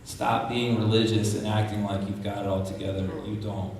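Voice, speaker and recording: A man's voice: fairly low pitch, level tone, moderate pace, a little mellow. A male pastor preaching a sermon in earnest, plain-spoken, punchy short sentences. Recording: echoey hall from far off.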